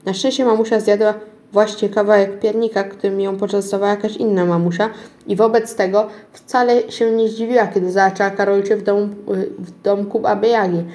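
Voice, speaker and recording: A woman reading a children's storybook aloud at a middling pitch. The reading is unpolished, with frequent stumbles and restarts on words. She keeps going in an everyday voice. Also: darkish tone. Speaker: reader of a children's book.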